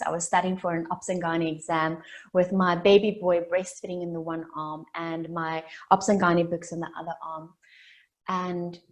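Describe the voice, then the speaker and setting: Speaking at a summit, this late-twenties South African woman, whose first language is Afrikaans, gives a heartfelt motivational address. She pitches her voice fairly low and uses purposeful repetition to develop the narrative.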